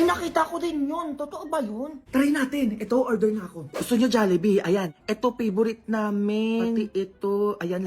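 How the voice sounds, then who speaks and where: Woman, comic sketch acting, teasing banter, soft music behind. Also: fairly high pitch. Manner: teasing, bantering gossip talk. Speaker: comedy skit performer.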